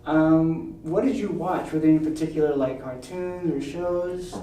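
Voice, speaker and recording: Mellow-voiced host, relaxed, distant mic. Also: medium pitch, normal speed, echoey room, slight background noise. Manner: relaxed, encouraging, asks questions with many "mm-hmm" replies. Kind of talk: casual interview. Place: outdoors on a windy day.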